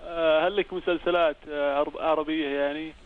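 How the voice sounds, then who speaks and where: Man, phone caller, hesitant, quick, tinny phone line. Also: fairly high pitch, steady tone. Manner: hesitant, halting. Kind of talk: casual phone call.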